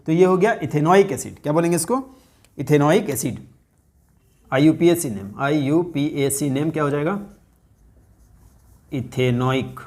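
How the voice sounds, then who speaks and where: A man teaching a chemistry lesson, asking his students questions and slowly repeating key terms. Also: on the high side, darkish tone.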